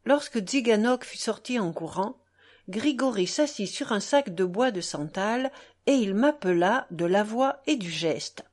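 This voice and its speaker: Woman reading a novel aloud, really slow and even, middle voice. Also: medium pitch. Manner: measured, unhurried, expressive. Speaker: audiobook narrator. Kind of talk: literary audiobook reading.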